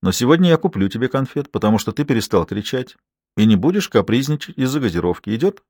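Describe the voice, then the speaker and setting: A man's voice: mid-range voice, very animated, fast, darkish tone, dry recording. Brief: tired but firm young mother, male narrator voicing her, dry close audiobook. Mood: stern. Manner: firm, clipped.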